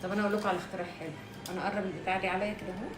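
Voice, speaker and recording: A woman's voice: medium pitch, fairly even intonation, very fast, noisy background. Playful Egyptian woman live streaming. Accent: Egyptian Arabic. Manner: chatty, reads viewer names, teasing and playful. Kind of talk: casual live stream chat with viewers.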